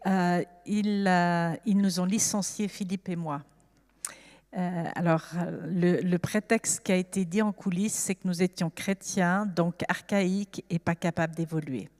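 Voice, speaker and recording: A woman's voice: mid-range voice, darkish tone, big-room sound. A woman in her seventies from France, giving an earnest, reflective personal testimony at a church service. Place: church hall.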